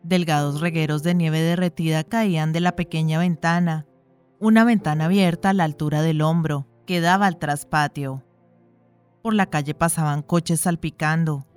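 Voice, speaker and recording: Audiobook narrator, woman, low voice, steady read, soft music under it. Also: clear, resonant tone. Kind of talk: scripted narration of a short story.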